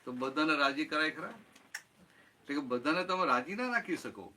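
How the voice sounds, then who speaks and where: A man's voice: a little high, expressive, moderate pace, bright, forceful tone, slight background noise. A man giving a satsang talk as spiritual teacher, explaining with everyday examples and often checking that listeners follow. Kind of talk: satsang talk answering a question.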